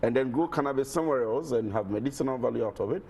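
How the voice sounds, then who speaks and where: A man's voice: medium pitch, racing, warm tone, breathy edge. A man, interviewing guests conversationally as the host of a discussion.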